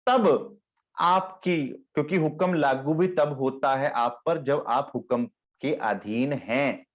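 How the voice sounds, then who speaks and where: A man giving a devotional discourse on scripture, speaking tenderly to his listeners and chanting verse lines slowly. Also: medium pitch. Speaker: spiritual teacher.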